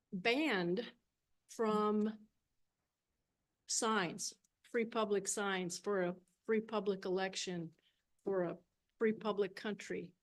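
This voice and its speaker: A woman from Texas speaking at a city council meeting, chatty and pressing with her questions. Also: medium pitch. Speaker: public commenter. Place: council chamber.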